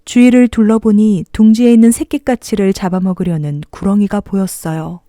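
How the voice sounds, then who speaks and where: A woman reads a bedtime fairy tale as if to a toddler. Her voice is very dark and soft-edged, with gentle, expressive storytelling, recorded dry and close. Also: medium pitch, fairly quick, no room sound. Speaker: storybook narrator. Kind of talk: bedtime fairy tale narration for young children.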